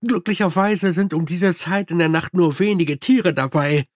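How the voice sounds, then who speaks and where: A man voicing a deadpan army captain who reports bad news slowly, with hesitant fillers and dry irony. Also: high-pitched, no echo, lightly acted.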